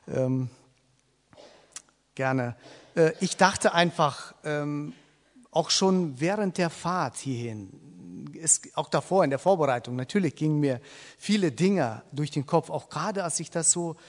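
A man preaching a sermon to a congregation, halting, with many fillers and restarts, and putting questions to the listeners. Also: on the high side. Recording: long hall reverb.

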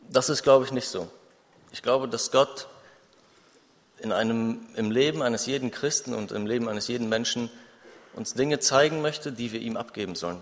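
A man preaching a sermon in an earnest, conversational way, now and then pausing with fillers. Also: fairly low pitch. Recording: long reverb of a hall.

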